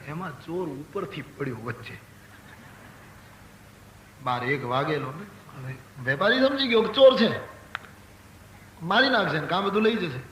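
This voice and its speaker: A man's voice: mid-range voice, fairly bright tone, a little hiss or hum. An older man giving a religious discourse, telling anecdotes and acting out the characters in a raised voice. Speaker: spiritual storyteller. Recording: echoey hall with faint ambience.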